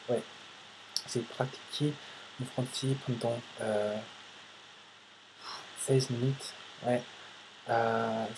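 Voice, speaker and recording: American man, non-native speaker, halting beginner talk, flat and level delivery, audible background noise. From United States. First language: English. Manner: halting, searching for words. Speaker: language learner vlogger. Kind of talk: casual spoken practice monologue. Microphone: computer microphone. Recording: noisy low-quality home recording.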